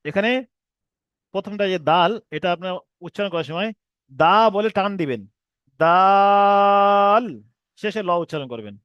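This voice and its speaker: A man teaching an online reading class, who explains patiently and drags out each letter name slowly. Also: high voice, lively intonation, no room sound, highs cut off. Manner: explains patiently, repeats letter names slowly with long drawn sounds. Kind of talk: recorded online class lesson.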